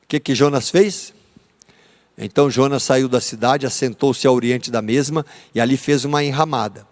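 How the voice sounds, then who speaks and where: A man with a Brazilian Portuguese accent, a pastor teaching a church Bible lesson in an animated, dramatizing, chatty way. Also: mid-range voice, normal speed. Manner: animated, dramatizing, conversational with tag questions. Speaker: pastor teaching a theology course. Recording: long church-hall reverb.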